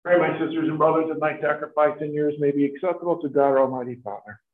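Priest with cathedral echo, tinny sound. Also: male voice, on the high side, fairly even intonation. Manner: measured, formal liturgical delivery. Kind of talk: leading Mass prayers. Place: large church. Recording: echoey church, tinny lo-fi sound.

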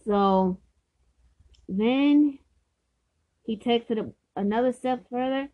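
A woman's voice: on the high side, slow, mellow. A woman telling a personal story from her own life in an earnest, emphatic way, often repeating herself for stress. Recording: dull lo-fi recording.

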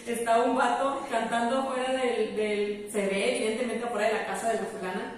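A woman's voice: fairly high pitch, a little fast. A young woman with a Mexican accent, chatting casually in slangy speech and telling stories animatedly. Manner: slangy, animated storyteller, laughs often. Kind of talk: casual chat. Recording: roomy echo, far from mic, faint noise.

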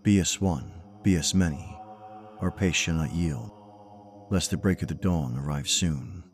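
Man as a low, solemn creature of the night. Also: unhurried, faint music behind. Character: proud, fearless pale night walker, eerie creature. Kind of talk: spooky poetry recital in rhyme.

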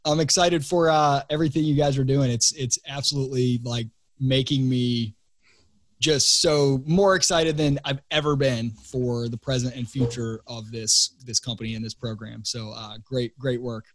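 A man's voice: mid-range voice, steady tone, moderate pace, no echo. A man guesting on a podcast, telling a story and teasing his hosts in a playful, casual way.

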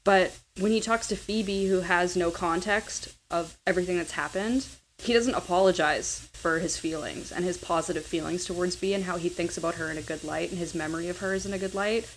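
A woman's voice: lowish voice, brisk, slight background noise. A woman co-hosting a casual film podcast, chatting loosely with many "like" fillers. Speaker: podcast co-host.

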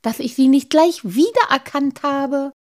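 A woman's voice: fairly high pitch, very animated, unhurried, darkish tone, husky, voice pushed up, full character voice. A woman voicing a dreamy, sentimental male gnome in a storybook reading, speaking in rising, gushing phrases. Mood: rapturous.

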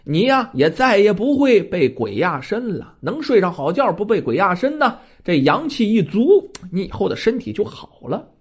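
Storyteller voicing a kindly old uncle, reassuring, low husky voice, lo-fi. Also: sing-song, normal speed, hardly any pauses. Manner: cheerful, reassuring.

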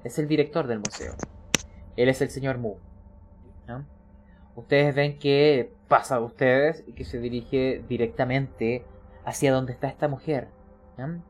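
A man's voice: mid-range voice, fairly even intonation, a little slow, pauses often. Male game master, explanatory, checks in often, tabletop narration. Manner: explanatory, frequent checking questions.

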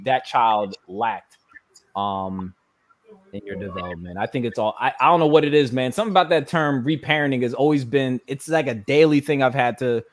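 A man hosting a casual interview, loose and conversational, with lots of fillers and friendly asides. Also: mid-range voice. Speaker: host.

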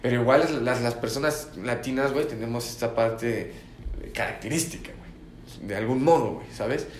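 A man's voice: medium pitch, normal speed. A young man from Mexico with a Mexican accent, chatting casually and dropping slang in nearly every phrase. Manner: slangy, says "güey" constantly. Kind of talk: casual chat. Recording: echoey room, faint ambient noise.

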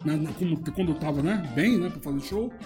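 A man's voice: on the high side, quick pace, over music. A man, a DJ, chatting casually on a podcast, loose and laughing, swearing freely as he tells stories. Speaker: DJ guest.

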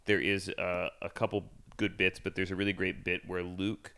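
A man's voice: low voice, little pitch movement, moderate pace, pushed and bright, smooth. A man hosting a podcast in casual chat, rambling and repeating words as he gets going. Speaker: podcast host.

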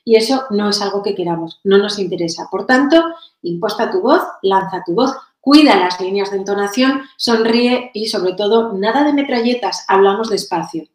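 Lively Spanish woman coaching in an echoey room. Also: medium pitch, normal speed. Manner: energetic, emphatic, direct advice. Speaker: presentation coach. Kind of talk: on-camera tutorial.

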